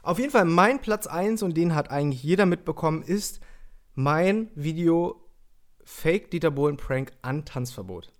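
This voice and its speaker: A young man hosting a casual talk show, telling stories in a relaxed way with blunt, crude jokes. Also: fairly high pitch, moderate pace. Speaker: podcast host and YouTuber. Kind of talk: casual chat.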